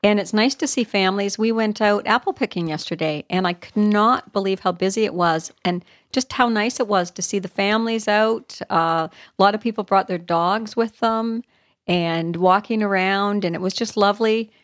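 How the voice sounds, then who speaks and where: A middle-aged woman, co-hosting a casual chat podcast, animated and quick to get riled. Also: medium pitch, no echo, studio quality. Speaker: podcast co-host.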